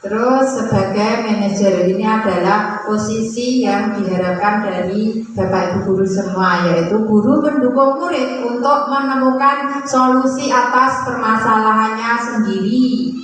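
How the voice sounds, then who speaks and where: A woman's voice: a little high, a little slow. A woman teacher explaining classroom roles to colleagues, sometimes acting out what a teacher would say to a pupil. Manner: explanatory, acts out scolding and friendly teacher lines. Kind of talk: presenting to fellow teachers. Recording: echoey room from far off, faint noise.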